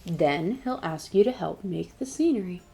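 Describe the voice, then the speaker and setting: Woman reading a picture book aloud. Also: lowish voice. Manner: clear, deliberate picture-book reading with expressive emphasis. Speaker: children's librarian, storytime host. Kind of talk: read-aloud storytime narration.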